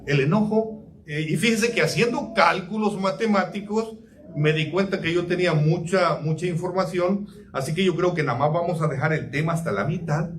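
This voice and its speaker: Hesitant preacher, slightly high voice. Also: male voice. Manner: hesitant, many fillers and restarts, chatty. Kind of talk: sermon with anecdotes. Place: church hall. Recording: distant mic, faint room noise.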